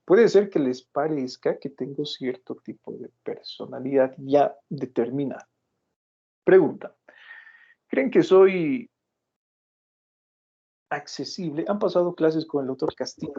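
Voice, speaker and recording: A middle-aged man lecturing a class over a dull, lo-fi online call. His voice is gravelly and mellow, and he keeps pressing students with questions and everyday examples. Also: a little high. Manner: probing, repeats questions, tells anecdotes. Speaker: medical lecturer.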